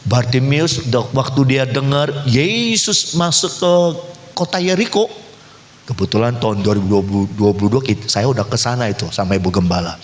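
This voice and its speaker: A male pastor preaches with a wildly animated pitch, leaping up into cries and falling back low. His voice rings out with a long reverb in a church hall. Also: slight background noise. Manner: dramatic preaching with sudden high cries and low drops. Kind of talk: sermon.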